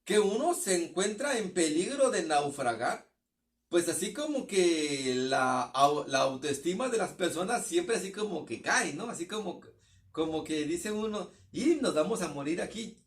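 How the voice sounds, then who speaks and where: A high-pitched man with a northern Mexican accent delivers a sermon. He talks in a halting way, repeating words and restarting phrases. He is picked up from some distance away from the mic. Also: lively intonation. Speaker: preacher.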